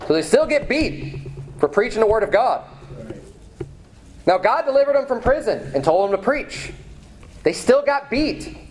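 In a small church hall, a pastor in his thirties preaches from the pulpit, recorded by a far-off camera with faint hiss and a few clicks. His sermon is emphatic and sing-song at a moderate pace with frequent pauses, repeating phrases to drive points home and rising in pitch as he grows stirred.

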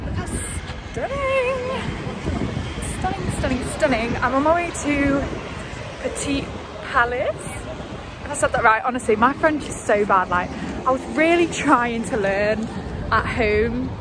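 A woman's voice: sits high, animated, measured pace, a crowd in the background. Gushing young woman vlogging on the street. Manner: chatty and gushing, repeats stunning. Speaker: travel vlogger. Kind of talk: casual travel vlog chat. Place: outdoors on city streets. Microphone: phone held at arm's length. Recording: loud street traffic noise. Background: city traffic and street noise.

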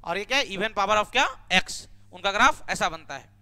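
A man's voice: sits high, lively intonation, moderate pace, bright, forceful tone, clear, resonant tone. A man teaching a maths class, coaxing students to answer with repeated rhetorical questions and homely examples.

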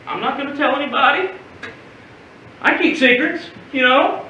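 A man's voice: very high-pitched, normal speed, a little hiss or hum, full character voice. A young actor on stage playing a genial, coaxing uncle who teaches a boy to fish, in a live monologue. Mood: soothing. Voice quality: folksy, coaxing, animated. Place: theater stage. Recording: very echoey theater from far off.

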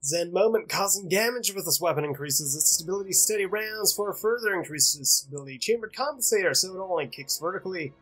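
A man's voice: high-pitched, lively intonation, a little fast, few pauses, fairly bright tone, breathy edge, faint music behind. Stuffy-nosed man chatting over gameplay. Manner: chatty, joking, talks to the game. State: stuffy nose. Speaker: gaming YouTuber. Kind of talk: casual gameplay commentary.

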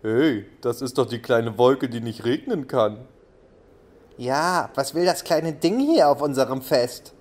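A man doing loud, jeering mean clouds. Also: mid-range voice, animated, measured pace.

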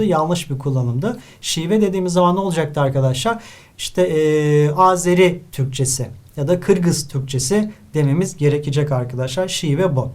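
A male teacher from Turkey goes through exam questions one at a time, explaining each answer patiently. His voice sits a bit high for a man. He writes as he talks and keeps turning to his students with questions. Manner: explains step by step, addresses students often, writes while talking. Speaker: literature teacher. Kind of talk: exam-review lesson.

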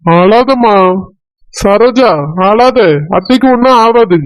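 A woman voicing a calm, caring village man with a Tirunelveli Tamil accent in a cartoon. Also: a little high, slow, rough recording. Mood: soothing. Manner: calm, soothing reassurance. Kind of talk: cartoon voice acting.

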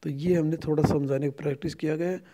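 A man's voice: a little high, steady tone, quick pace, dark tone. A middle-aged man with an Indian accent, a native Hindi speaker, teaching a phonetics lesson. He repeats each word aloud several times as he drills the vowel sounds. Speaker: English lecturer.

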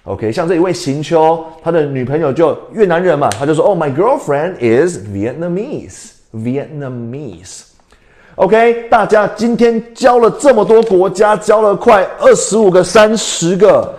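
A man's voice: high-pitched, normal speed, few pauses, a little mellow. A young adult man from Canada teaching an English lesson on a livestream, switching between Mandarin and English and quizzing his viewers.

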